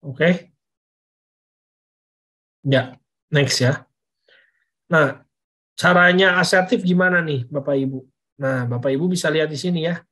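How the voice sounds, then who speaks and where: A man's voice: fairly high pitch, unhurried, long pauses, sharp tone. A man giving a casual parenting lesson to parents over slides, repeating phrases and checking in with "oke?". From Indonesia. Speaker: parenting educator.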